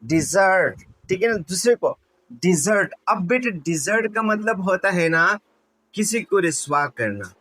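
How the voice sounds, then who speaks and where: A man's voice: high voice, lively intonation, a little slow, bright, forceful tone, low-quality recording. A man teaching English vocabulary, repeating words and asking and answering his own questions to his students. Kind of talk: classroom-style lesson explanation.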